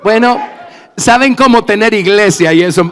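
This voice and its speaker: A man's voice: high-pitched, normal speed. A man speaking in church as an interpreter, in the style of prayer and sermon. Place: large church hall. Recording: reverberant church hall, faint music.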